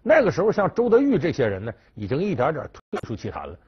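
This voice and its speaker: Husky man telling lively stories. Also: on the high side, fast. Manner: lively storyteller, acts out quoted speech. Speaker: chess history commentator. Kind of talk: storytelling commentary. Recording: dull lo-fi recording.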